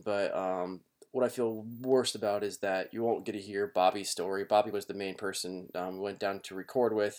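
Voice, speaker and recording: A man hosting a podcast, giving a casual, rueful and apologetic spoken intro recorded in a home basement. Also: on the low side. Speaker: podcast host.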